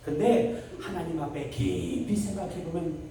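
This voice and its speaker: A middle-aged man preaching a lively revival sermon, joking and breaking into shouts. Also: a little high, moderate pace. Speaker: pastor. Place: large church sanctuary. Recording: very echoey church hall from far off.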